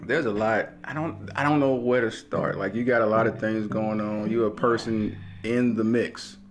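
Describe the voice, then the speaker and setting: A man hosting a casual podcast interview, talking in a halting, playful and joking way. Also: on the low side, steady tone, faint music behind. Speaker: podcast host.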